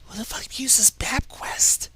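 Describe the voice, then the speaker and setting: On a livestream, a man reads fanfic aloud slowly, with a dramatic, wry delivery, dropping casual asides between narrated passages. The audio is very noisy.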